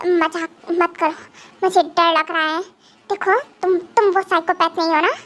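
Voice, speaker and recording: A woman's voice: very high voice, steady tone, a little slow, fairly bright tone. A woman voicing a terrified male captive in a fan dub drama, stammering, crying and begging for mercy. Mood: terrified pleading.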